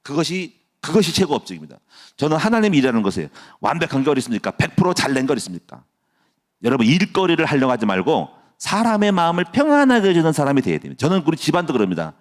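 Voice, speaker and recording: Animated Korean pastor at dawn service. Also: male voice, fairly high pitch, fast. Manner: animated, jokey, with laughter and sudden drops to a near hush. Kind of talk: sermon.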